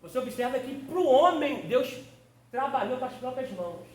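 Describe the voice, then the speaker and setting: A man's voice: extremely high pitch, sing-song, moderate pace, darkish tone. A man, a pastor teaching a theology class in a fervent, exclamatory preaching style and calling on listeners by name. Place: church classroom. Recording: roomy, distant mic, faint noise.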